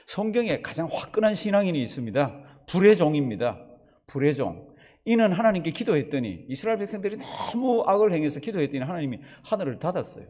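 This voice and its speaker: A man's voice: fairly high pitch, breathy edge. A male pastor preaching a sermon at a church service, asking the congregation questions and acting out voices. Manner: animated, asks the congregation questions and acts out voices.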